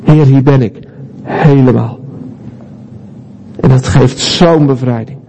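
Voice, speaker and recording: A man's voice: medium pitch, fairly even intonation, takes it slowly, dark tone, slight background noise. A man preaching a sermon, earnest and emphatic, with repeated phrases and rhetorical questions.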